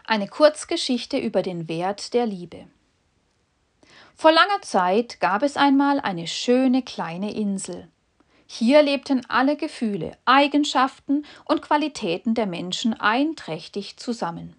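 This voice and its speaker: A woman narrating a fable in a calm, measured storybook reading. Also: a little high.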